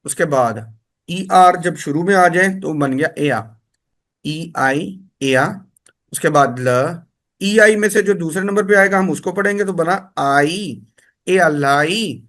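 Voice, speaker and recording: A male language teacher delivers a spoken lesson in a high-pitched, slightly bright voice. He explains things step by step, pronouncing each word slowly and often repeating it so learners can imitate the sounds.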